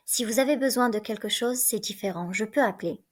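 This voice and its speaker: A self-important male prison guard talks bluntly and grumbles, as a woman reads his part aloud. There is no deep put-on voice, just a plain reading with a gruff edge. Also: brisk, close to an everyday voice. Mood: grumbling.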